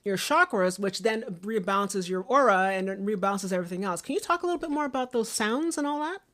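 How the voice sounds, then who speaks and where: A woman's voice: medium pitch, lively intonation, fast, a bit bright. A woman hosting a casual interview, backing up her guest with frequent "mm-hmm" and "okay" before asking her own questions. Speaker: podcast host.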